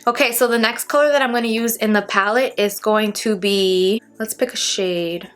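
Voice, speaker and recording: With background music playing behind her, a woman chats casually to her viewers during a makeup tutorial, beauty-vlogger style. Her voice sits on the high side with a fairly bright tone, and she talks at a moderate pace, addressing viewers directly.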